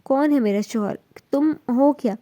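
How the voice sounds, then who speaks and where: A woman's voice: high-pitched, mellow, no room sound, lightly acted. A woman voicing a heartbroken young wife in shock in a storybook reading, speaking in a dazed, pleading way.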